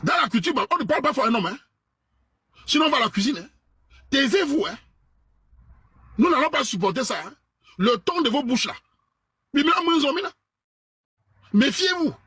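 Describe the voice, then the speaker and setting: A man's voice: very high-pitched, sharp tone, husky, dry recording. A man with a Cameroonian French accent scolding in a ranting monologue, repeating himself and tagging phrases with "hein".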